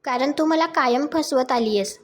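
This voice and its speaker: Woman reading hurt young guy, reproachful, high pitched read. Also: moderate pace, close to an everyday voice. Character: hurt young man, wary ex-husband.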